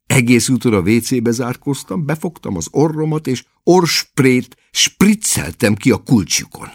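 A man's voice: mid-range voice, sing-song, no echo, studio quality, pitched above the performer's own voice. A man reading aloud and voicing an irritable young man ranting in complaint.

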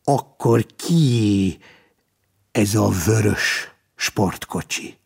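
A man's voice: lowish voice, vocal fry, slightly rough. A man voicing a stiff, pompous traffic policeman who speaks in a stern, formal way. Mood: officious.

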